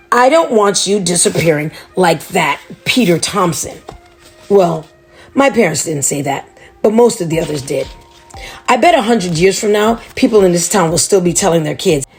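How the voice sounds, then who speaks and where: A woman reading a chapter book aloud to children, chatty and animated. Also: lowish voice, moderate pace, faint music behind.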